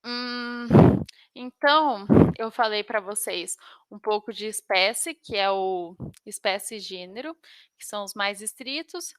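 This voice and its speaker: A woman's voice: mid-range voice, measured pace, fairly bright tone, dry recording. A Brazilian woman with a slight tongue-tied lisp, teaching an informal biology lesson to exam students and stumbling over technical terms.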